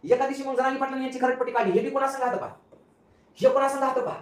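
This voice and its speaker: A man's voice: extremely high pitch, little pitch movement, very fast. A man rattles off a mocking political rant at breakneck speed, throwing in rhetorical asides again and again. He sits back from the mic, and the room rings around him. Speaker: political commentator. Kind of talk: casual political rant to viewers. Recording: roomy, from a distance off mic.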